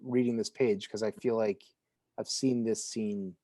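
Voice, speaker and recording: A man's voice: on the low side, fairly even intonation, measured pace, dark tone. A man co-hosting a comic book podcast, chatting casually and enthusiastically, with some swearing. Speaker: podcast co-host.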